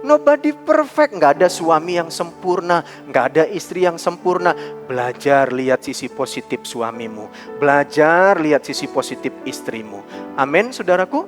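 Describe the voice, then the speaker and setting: A male pastor preaching a lively sermon, calling for responses from the congregation and acting out quoted voices. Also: fairly high pitch, moderate pace, soft background music. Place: church service.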